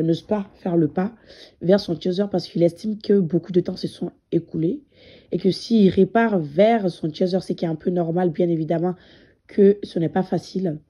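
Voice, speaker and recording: A woman with a cold, a spiritual medium and coach, talks straight to camera about spiritual matters. She sounds hesitant, using many fillers and repeating words. Her voice is lowish, dark, and slightly rough.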